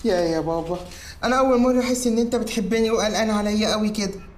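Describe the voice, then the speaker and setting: An actor playing an excitable, childish grown son, speaking with an Egyptian accent. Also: male voice, sits high, very fast, very noisy, natural voice. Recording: echoey room.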